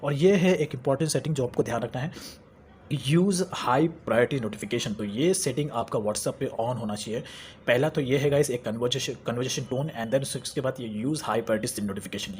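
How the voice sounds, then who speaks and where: Young male tech tutor, rapid chatty delivery, mid pitch, faint room hum. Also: a little mellow. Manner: chatty, repeats phrases, mixes English terms into Hindi. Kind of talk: screen-recorded how-to tutorial.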